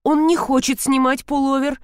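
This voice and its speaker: A woman's voice: high-pitched, little pitch movement, normal speed, no echo, clean studio sound, voice pushed up, lightly acted. A woman reading an audiobook, voicing a pushy, teasing wife who needles her husband insistently. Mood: needling insistent. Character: bossy teasing wife, middle-aged woman. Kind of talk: audiobook character voice.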